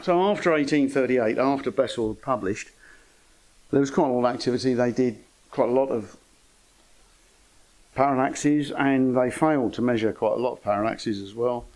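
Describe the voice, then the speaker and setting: A man's voice: mid-range voice, normal speed, darkish tone, poor audio. An older man giving an informal lecture to an astronomy club, with dry, wry humour and chatty asides. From England.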